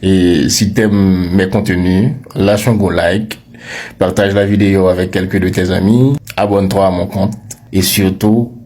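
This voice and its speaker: A man giving a scripted lesson on French pronunciation, slowly and deliberately repeating each word for the listener. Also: sits low, steady tone, darkish tone.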